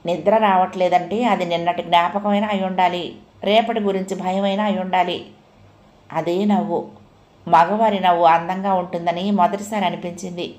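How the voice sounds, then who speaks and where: Soft-spoken woman telling a story. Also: lowish voice, steady tone, moderate pace. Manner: soft, reflective first-person telling. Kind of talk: audiobook narration of a family story.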